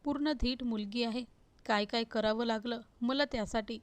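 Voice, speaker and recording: A woman's voice: on the high side, normal speed, no echo, lightly acted. A woman reading the lines of a cruel, arrogant young husband who talks scornfully and gives orders. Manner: scornful, commanding.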